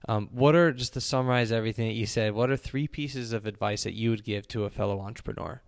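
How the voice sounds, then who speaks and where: Male podcast host; courteous, hesitant questioner, clear voice. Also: fairly low pitch. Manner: polite, appreciative, halting with repeated words. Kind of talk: interview questions.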